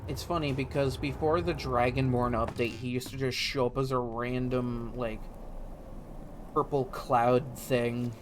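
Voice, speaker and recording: A man's voice: mid-range voice, steady tone, measured pace, slight background noise. A man hosting a gaming video with casual, slangy let's-play commentary and a wry, joking manner.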